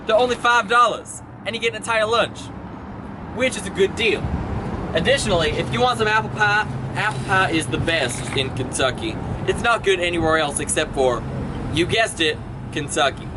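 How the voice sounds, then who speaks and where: A bragging small-town founder of a chicken restaurant rambles through a comic sales pitch in a high, boyish voice, played by a young man. He talks outdoors by a street. Loud wind and passing cars roar behind him. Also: animated, normal speed. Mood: boastful. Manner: boastful, rambling salesman patter. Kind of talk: comedic skit acting.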